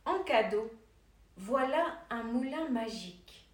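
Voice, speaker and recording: A woman's voice: a little high, lively intonation, slow pace, far from the mic. A woman voicing a tiny, hungry, friendly male dwarf in a children's tale, with a perky raised voice. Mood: grateful. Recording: echoey room, voice off-mic.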